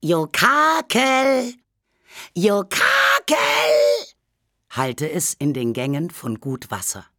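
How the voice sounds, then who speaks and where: A narrator reading a children's storybook aloud with calm, unhurried storytelling. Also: mid-range voice, no echo, clean studio sound. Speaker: audiobook narrator.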